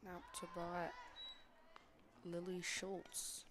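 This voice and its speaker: Softball commentator, mid-pitched, plain clipped play-by-play calls, noisy outdoor setting. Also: completely flat delivery, very slow. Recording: noisy outdoor ballpark ambience.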